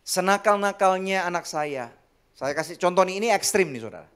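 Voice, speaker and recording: Lively, high-voiced male preacher. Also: fairly quick, clear, resonant tone. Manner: animated preaching with sudden loud bursts and acted-out quotes; addresses the congregation often, jokes and laughs. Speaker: pastor. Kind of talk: sermon. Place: church service.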